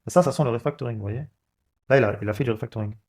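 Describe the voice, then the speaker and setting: A man's voice: medium pitch, rapid-fire, darkish tone. A man, casually thinking aloud as he walks through code, with many fillers and restarts. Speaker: coding channel host. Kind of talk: casual screen-recorded coding walkthrough.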